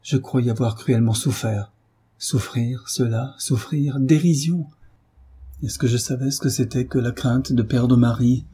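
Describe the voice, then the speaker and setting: A man's voice: mid-range voice, steady tone, a little slow, mellow, husky. A man voicing a young man desperate with love, his speech pleading and breaking with emotion. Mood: anguished.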